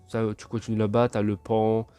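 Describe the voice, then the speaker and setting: A man's voice: lowish voice, completely flat delivery, moderate pace, mellow, clear, resonant tone, dry recording, faint music behind. A young man giving a casual, rambling tour of his game build, full of fillers and self-mocking asides. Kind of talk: casual gameplay walkthrough.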